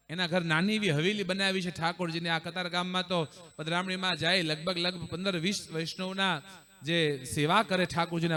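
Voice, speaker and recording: A man's voice: a little high, a bit bright. A man preaching a devotional sermon to a live gathering, emphatic and speaking directly to listeners. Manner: emphatic, addresses audience directly. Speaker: religious preacher.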